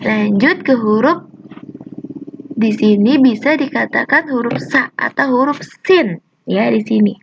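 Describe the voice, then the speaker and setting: A woman teaching young children to read Quranic letters, drawing out each syllable in slow drills and quietly praising them. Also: fairly high pitch, creaky, slight background noise.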